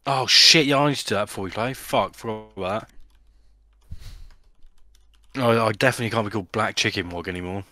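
A man's voice: lowish voice, brisk, pauses often, bright, forceful tone, dry recording. A young man swearing, teasing and laughing in casual gaming voice chat over a headset. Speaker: streamer.

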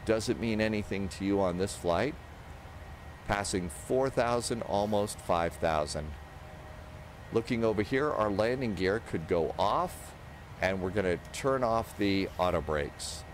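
Older man, lowish voice, cockpit noise. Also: unhurried. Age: older, 60s. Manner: talks himself through steps aloud. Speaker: flight simulator streamer. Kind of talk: casual instructional commentary while flying a simulator. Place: indoor home streaming setup. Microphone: close desk microphone. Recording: steady aircraft engine noise behind. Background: simulated aircraft cockpit and engine noise.

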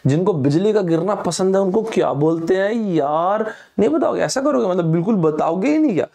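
In a lively Hindi vocabulary lesson online, a young man from India speaks in a high, animated voice that is brisk, gravelly and warm. He plays both teacher and students and throws in quotes from movies.

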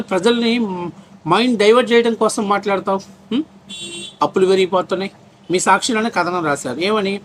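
A man rants about politics at a rapid clip, his voice pitched high. He is scornful and mocking, stacking one rhetorical question on another. Faint ambient hum sits under the recording. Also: a bit bright. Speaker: political commentator. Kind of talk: heated political rant.

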